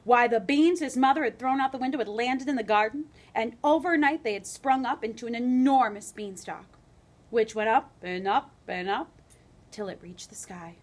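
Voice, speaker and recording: Her voice a bit on the high side and her speed normal, a woman gives a children's read-aloud lesson, telling the story expressively and pausing for questions and conversational comments.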